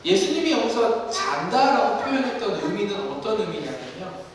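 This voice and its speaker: A male pastor preaching a sermon in an animated way, acting out scripture scenes in different voices, in a basement studio used for church services. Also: high voice, normal speed, noisy background. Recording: echoey hall from far off.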